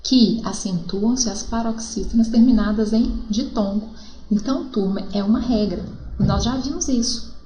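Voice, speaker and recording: A woman's voice: on the high side, normal speed, dark tone, roomy sound, low-quality recording. A woman teacher with a Brazilian Portuguese accent, explaining a lesson step by step and checking in with her students often. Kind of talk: classroom lesson.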